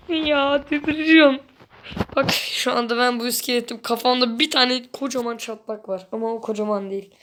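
A woman commenting casually on a game for her viewers, excitable and exasperated by turns. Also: on the high side, normal speed. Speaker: gaming YouTuber.

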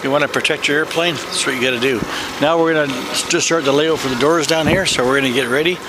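A man's voice: a little high, fast talker. A middle-aged man, chatty and folksy, jokes while narrating his own building work at an outdoor hangar, recorded on the camera he holds. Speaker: hobby pilot building hangar doors. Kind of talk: casual how-to narration while working. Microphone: handheld or head camera mic. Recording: noisy outdoor camera audio.

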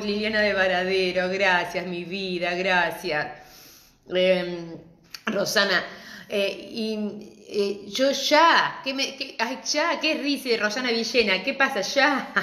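A middle-aged woman with an Argentine accent, teaching a live-stream craft class and greeting viewers warmly and chattily. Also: mid-range voice. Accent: Argentine Spanish. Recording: echoey room.

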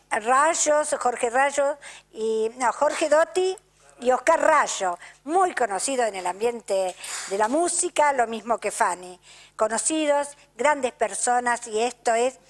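An older woman with an Argentine accent hosts a local TV show, chatting effusively to the audience and often tagging her sentences with "¿eh?". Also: a little high. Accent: Argentine Spanish. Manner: chatty, effusive, keeps asking "¿eh?". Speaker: TV show host. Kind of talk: casual chat, thanking sponsors to camera. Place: local TV studio.

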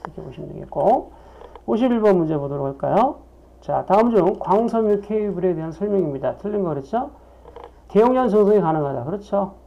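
A woman's voice: mid-range voice, lively intonation, a little fast, creaky. A woman lecturing on exam questions, reading each one aloud, then asking and answering her own questions. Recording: dull lo-fi recording.

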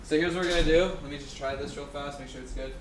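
A man's voice: a little high, fairly even intonation, fast. A young man casually chatting and giving friends instructions as he helps cook on a stream. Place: indoor home kitchen. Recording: echoey kitchen with faint noise.

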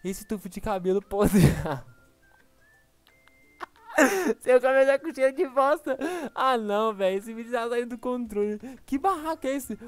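A man with a Brazilian accent giving excited, exclaiming gameplay commentary as a gaming YouTuber. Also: very high-pitched, a little slow, pauses often, clean tone, no echo, faint music behind. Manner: excitable, exclaiming, laughs often.

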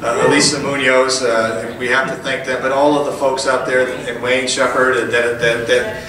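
A man's voice: mid-range voice, little pitch movement, normal speed, background noise. A middle-aged man, a politician, giving a folksy, rousing campaign rally speech from a podium in a large hall. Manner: folksy, rousing, rising to emphatic peaks. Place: large indoor function hall. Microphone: podium mic, recorded by a far camera. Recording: echoey hall from far off.

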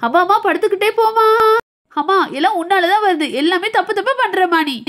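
Woman, very high, animated doll-story voicing, fretful urging. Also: fairly quick.

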